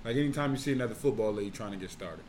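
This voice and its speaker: A man co-hosting a podcast, talking in a laid-back, halting way with many restarts. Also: on the low side, darkish tone, a little hiss or hum. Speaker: podcast co-host. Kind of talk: casual chat.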